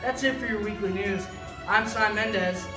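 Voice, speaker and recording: A young man with a fairly high voice plays the anchor of a mock 1950s newscast, speaking at a normal speed with a hammy, folksy delivery. The room is echoey and music plays behind him.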